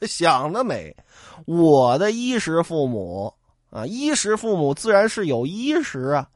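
A man's voice: fairly high pitch, huge pitch swings, a little slow, no room sound, clean studio sound. A male storyteller voicing a greedy, sly boatman who taunts his pursuers. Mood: mocking. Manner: sneering, taunting. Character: sly greedy river boatman, gruff ruffian.

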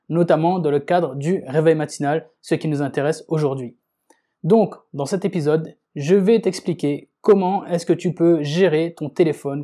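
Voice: mid-range voice, dark tone. A podcast host giving an informal self-help talk, speaking straight to the listener and repeating words for emphasis.

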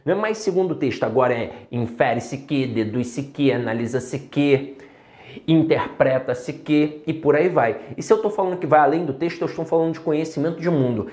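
This lively Brazilian Portuguese speaker has a fairly high pitch and a brisk delivery. Teaching Portuguese for exam prep in a video lesson, he poses rhetorical questions directly to students from an echoey room.

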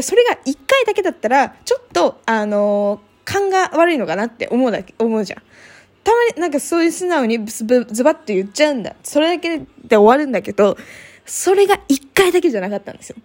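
Young woman, casual vlog storytelling, lively rising and falling pitch, mellow dark tone, lots of fillers. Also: fast. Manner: chatty, many fillers, acts out quoted remarks. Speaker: vlogger.

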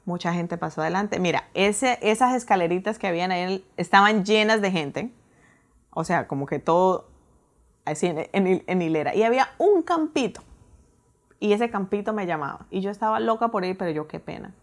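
A woman telling a personal story in a casual, animated way, acting out her own reactions. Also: medium pitch, normal speed. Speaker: guest telling her testimony.

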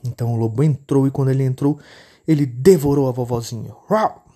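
A woman narrating a children's fairy tale for a podcast in an expressive storytelling manner. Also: very deep voice, fast talker.

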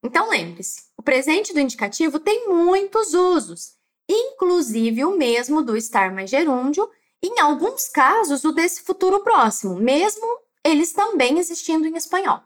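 High, lively Brazilian woman teaching. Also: moderate pace. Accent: Brazilian Portuguese. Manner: clear, patient, coaching listeners to repeat. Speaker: Spanish teacher. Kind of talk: spoken language lesson.

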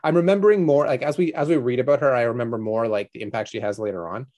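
A man's voice: medium pitch, fast, darkish tone. A man co-hosting a podcast, chatting casually through a book chapter with lots of "like" and "um". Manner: chatty, filler-heavy recap. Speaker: podcast co-host.

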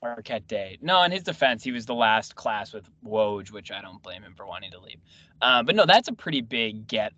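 A man's voice: medium pitch, pushed and bright, no room sound. Teasing man hosting sports radio. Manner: teasing, wry, talkative. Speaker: radio show host. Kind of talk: casual sports radio chat. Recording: muffled lo-fi audio.

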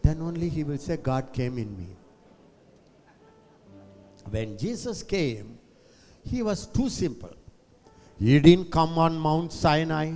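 A man's voice: a little high, sing-song, slow, pauses often, a little mellow. A man with a South Indian accent preaching a sermon to a congregation in a theatrical manner, repeating phrases and acting out sounds. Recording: echoey hall with music behind.

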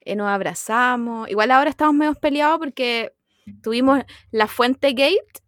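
A woman's voice: sits high, normal speed, a bit bright, no room sound, clean studio sound. A young Chilean woman co-hosting a podcast, chatty and giggly with self-mocking humor. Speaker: podcast co-host. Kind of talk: casual chat.

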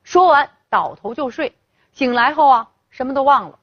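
A woman narrating a scripted story in an expressive, colloquial manner. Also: sits high, normal speed, no echo. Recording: dull lo-fi, dry.

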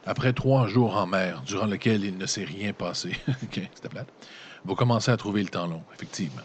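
A man with a Quebec French accent and a very deep, low voice reads an adventure gamebook aloud. He keeps stopping to toss in loose, slangy jokes to his listeners before picking the narration back up. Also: a little fast, slight background noise. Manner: breaks off narration with joking, slangy asides. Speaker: gamebook reader and player. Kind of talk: reading a gamebook aloud with casual commentary.

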